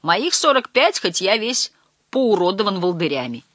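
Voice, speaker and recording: A reader voicing a short, stout, hot-tempered old fisherman who quarrels and shouts in an audiobook. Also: medium pitch, very animated, moderate pace, no room sound, studio quality, voice pushed up. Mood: cranky.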